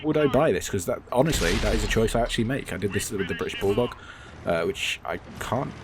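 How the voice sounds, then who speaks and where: Expressive and quick, this very deep-voiced gaming commentator sounds hoarse and croaky as he rambles casually over gameplay, correcting himself along the way. His opinions are blunt and unfiltered, and gunfire and engines ring out clearly in the background.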